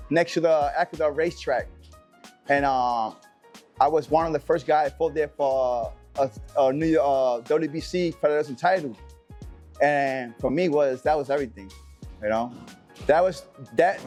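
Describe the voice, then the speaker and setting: A man's voice: fairly high pitch, a little mellow. A middle-aged man from Puerto Rico, a former professional boxer, talking casually in an interview with many fillers and repeats. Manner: rambling, repeats himself, many fillers like "you know".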